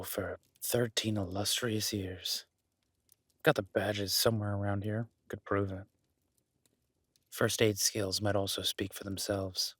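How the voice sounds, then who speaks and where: In an intimate one-sided roleplay audio drama, a man voices a gruff but kind woodsman host, protective of his cabin and gently teasing. His low, husky delivery is soft-spoken, unhurried, reassuring and wryly joking, with a caring mood, and the recording is dry.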